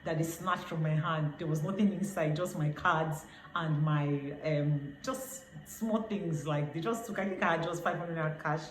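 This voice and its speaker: A young adult woman with a Nigerian accent, sharing a personal testimony in a conversational, expressive way, full of fillers. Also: sits low, moderate pace, hardly any pauses. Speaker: testimony speaker. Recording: roomy echo, faint background noise.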